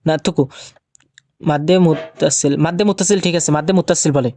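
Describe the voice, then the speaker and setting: A man from Bangladesh, his voice a little high and a little mellow, teaches Quran reading in a recorded recitation lesson. He patiently asks questions and answers them himself, easing into a slow, drawn-out chant whenever he recites verses.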